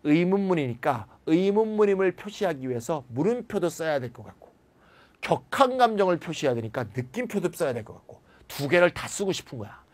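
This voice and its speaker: A tired man lecturing on English grammar, acting out example sentences with lively emphasis. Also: fairly high pitch, a little fast. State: tired after a late night. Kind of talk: recorded classroom lecture.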